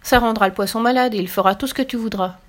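A woman voicing a weary, sighing oyster in a storybook reading, plaintive and a little raised in pitch. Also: quick pace, close to an everyday voice.

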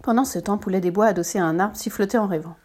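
A woman reading a children's storybook aloud in a gentle, lively narration. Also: mid-range voice, rapid-fire.

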